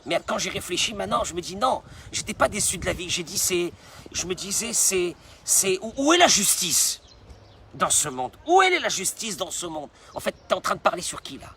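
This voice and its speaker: A male rabbi delivers a sermon in a high, bright voice. He is emphatic and drives points home by repeating them. His talk has a lot of animated emphasis. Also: normal speed, slight background noise. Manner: emphatic, repeats phrases for stress.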